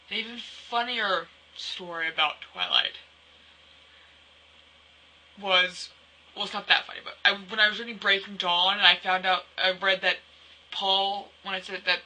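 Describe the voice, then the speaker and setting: A teenage girl vlogging casually, rambling excitedly through fangirl stories. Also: mid-range voice, poor audio. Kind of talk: casual vlog chat.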